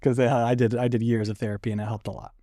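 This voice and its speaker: This young adult podcast guest, who survived a stroke, shares his story openly and casually, filling it with fillers and a few laughs. He speaks at a racing pace in a dark, medium-pitched voice that barely moves in pitch. The sound is clean studio audio with no room noise.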